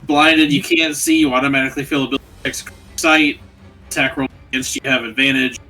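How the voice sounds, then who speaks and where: A man's voice: mid-range voice, steady tone, a little fast, bright, forceful tone, soft background music, rough recording. A man running a tabletop game as game master over an online voice call, his audio choppy and cutting out. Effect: choppy audio that keeps cutting out.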